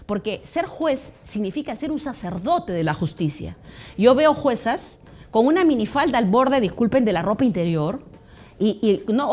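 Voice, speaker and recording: A middle-aged woman, a former director of judicial training, speaking emphatically in a panel discussion. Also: on the high side. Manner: emphatic, grows forceful and loud.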